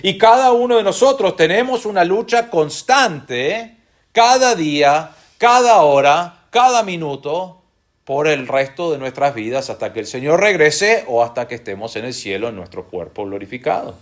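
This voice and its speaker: A man with an Argentine accent preaching a sermon as pastor, earnestly slowing down to stress key phrases and putting rhetorical questions to the congregation. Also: a little high, animated. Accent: Argentine Spanish.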